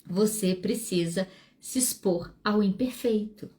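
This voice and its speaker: A woman, hosting a solo podcast as a psychologist, speaking frankly and animatedly with wide swings in pitch. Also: slow pace, mellow. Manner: frank and self-deprecating.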